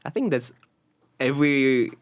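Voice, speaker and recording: A man's voice: medium pitch, animated, measured pace, dry recording. A man from France with a French accent, a guest in a casual podcast chat, easygoing and self-deprecating.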